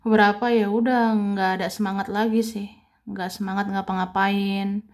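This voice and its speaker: A woman's voice: mid-range voice, little pitch movement, normal speed. A woman giving a chatty, casual tarot reading, repeating points and laughing lightly between them. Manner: chatty, repeats herself, ends phrases with soft tag words. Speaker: tarot reader.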